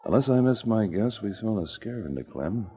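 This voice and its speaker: Male actor as a commanding Mountie sergeant, low and steady, muffled old radio transfer. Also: normal speed, lightly acted. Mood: determined. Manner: firm, authoritative. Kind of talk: 1950s radio adventure acting.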